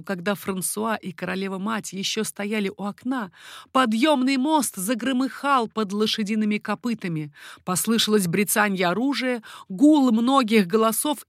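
A woman narrating a historical novel as an audiobook, with a steady, expressive reading. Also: on the high side, no room sound, studio quality.

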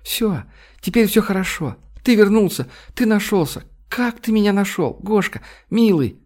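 A woman's voice: mid-range voice, expressive, moderate pace, darkish tone, pitched above the performer's own voice, natural voice. A man voicing a young woman who gushes with tearful, overjoyed exclamations in an audiobook. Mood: tearful joy. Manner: breathless, gushing exclamations.

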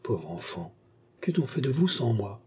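A man's voice: mid-range voice, lively intonation, moderate pace, mellow, husky. A man voicing a scheming baronet villain who poses as a kind benefactor, talking in an earnest, persuasive way in a French audiobook novel.

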